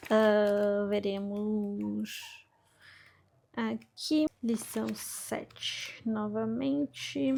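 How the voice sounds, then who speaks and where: A woman vlogging informally about her language studies, chatty and self-deprecating as she thinks aloud while working through her exercises. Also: a little high. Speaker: book vlogger. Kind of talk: informal study vlog.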